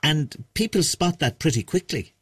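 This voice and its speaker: A man presenting a radio programme, putting formal, measured questions to a guest. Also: fairly high pitch, expressive, a bit bright, slightly rough, no room sound.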